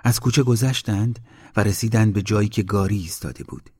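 A man narrating a story in a measured, steady reading. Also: fairly low pitch, slightly rough.

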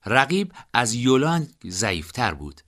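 A man narrating an audiobook in an expressive storytelling manner. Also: mid-range voice.

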